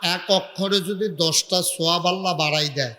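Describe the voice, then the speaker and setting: A preacher, chanting rising lines and quizzing the crowd over a PA microphone. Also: male voice, high voice, moderate pace. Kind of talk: sermon with call-and-response. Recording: echoey loudspeaker sound in a large hall.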